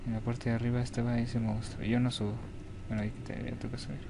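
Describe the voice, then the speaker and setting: Gamer, young Mexican man, flat-toned nervous horror commentary, noisy home recording. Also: medium pitch, fast talker. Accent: Mexican Spanish. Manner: jittery, begging, talks to himself. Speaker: gaming YouTuber.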